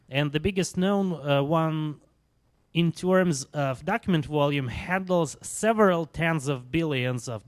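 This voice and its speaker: A man with a Russian accent, a native Russian speaker, giving a chatty, wry technical talk to a live audience at a meetup and asking the room questions. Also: fairly high pitch. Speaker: conference speaker.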